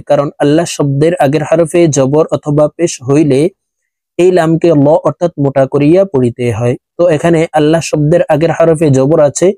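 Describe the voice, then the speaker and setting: A man teaching Quran recitation, spelling out letters and vowel marks one by one, then chanting the words slowly, with brisk explanations in between. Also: a little high, mellow, no room sound. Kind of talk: slow spelled-out recitation lesson.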